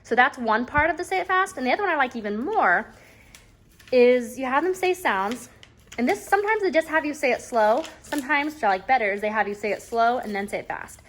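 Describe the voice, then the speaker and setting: With a high, lively and fairly bright voice, a woman talks briskly at her home table about a reading curriculum she uses for homeschooling. It's a rambling, casual review peppered with "anyways," over faint background noise and clicks.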